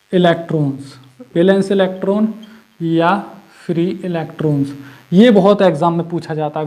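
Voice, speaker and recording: A man's voice: sits high, warm tone. A man teaching an exam-prep physics lesson, asking questions and answering them himself and repeating key terms. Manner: mixes Hindi with English terms.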